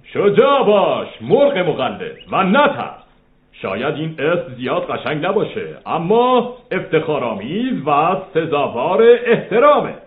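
A man's voice: fairly high pitch, wildly swooping pitch, narrow, tinny audio. Man playing a commanding eagle king. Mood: solemn. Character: eagle king, stately and stern.

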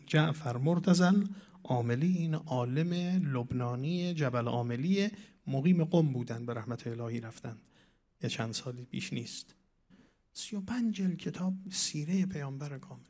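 A man giving a sermon, reciting scripture in a measured way and swinging between loud declaiming and hushed asides. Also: mid-range voice. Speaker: preacher.

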